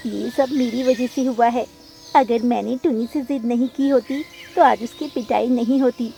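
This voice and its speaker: A woman's voice: fairly high pitch, fairly even intonation, moderate pace, gravelly, mellow, faint music behind. A woman voicing a young boy sparrow in a cartoon, caring and apologetic toward his sister. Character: gentle young boy sparrow, little brother.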